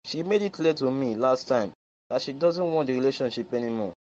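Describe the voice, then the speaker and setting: Man voicing an anxious cartoon son, Nigerian accent, mid pitch, muffled lo-fi sound. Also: lively intonation, brisk, darkish tone, close to an everyday voice. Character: anxious young man wanting to remarry his ex.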